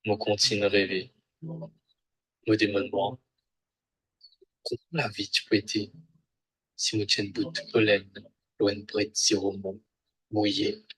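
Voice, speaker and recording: A man's voice: fairly low pitch, a little slow, long pauses, a bit bright, breathy edge, poor audio. A man from Mauritius with a Mauritian accent, reciting a poem in short phrases. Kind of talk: poetry recitation in Mauritian Creole.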